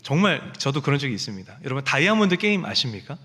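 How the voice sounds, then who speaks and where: Korean pastor's lively sermon in a reverberant church. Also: male voice, medium pitch, fast. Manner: storytelling, acting out quoted speech. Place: church sanctuary.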